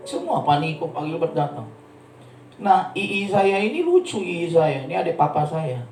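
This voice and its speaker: A man preaching a sermon, telling stories with lively acted-out quotes. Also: fairly high pitch, moderate pace, reverberant, recorded from a distance, faint music behind, rough recording. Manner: animated storytelling, acts out quotes. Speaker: pastor. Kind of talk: sermon with storytelling. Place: church.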